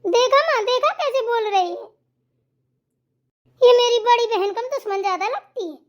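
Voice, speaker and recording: A woman voicing a sulky, quarrelsome teenage elder daughter in a cartoon, complaining in a whiny tone. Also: normal speed. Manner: complaining, raised whiny pitch.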